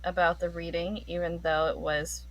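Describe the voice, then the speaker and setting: A woman playing in a tabletop game, animated and joking, quick to laugh. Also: on the low side, low-quality recording. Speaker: player. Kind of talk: casual tabletop game chat.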